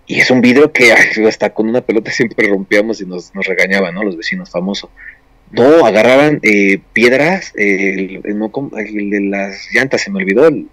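Low-voiced man telling a rambling story. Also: normal speed, fairly bright tone, no echo. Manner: rambling, with many restarts and fillers. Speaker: storyteller on a paranormal show. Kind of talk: casual storytelling.

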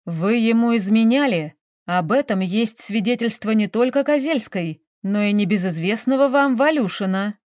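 A dry, sarcastic male investigator in an audiobook, as a woman reader puts him on. He speaks slowly in a lecturing monotone. The recording is dry and close. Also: on the high side, no echo, close to an everyday voice. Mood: stern.

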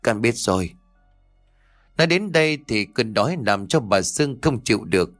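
A man reads a long serialized story in the steady manner of an audiobook narrator. His voice sits at an ordinary middle pitch, and he shifts his tone as he takes on each character in turn. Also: a little fast, soft background music.

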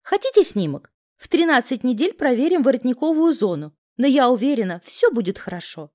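A woman voicing a tired woman doctor who speaks in a brisk, clinical, matter-of-fact way. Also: sits high, big pitch swings, a little mellow. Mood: reassuring.

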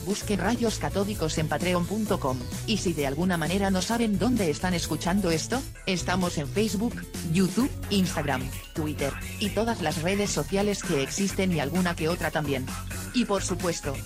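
A woman voicing a sensual robotic female overlord who reads out a scripted announcement in a smooth, teasing way, with music behind her. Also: fairly low pitch, moderate pace, close to an everyday voice. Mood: sultry.

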